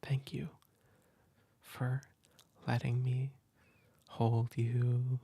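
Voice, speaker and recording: Soft-spoken man with a gravelly, slow whisper. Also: medium pitch, little pitch movement, no echo. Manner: soft, tender, half-whispered. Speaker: ASMR creator. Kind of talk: ASMR comfort roleplay.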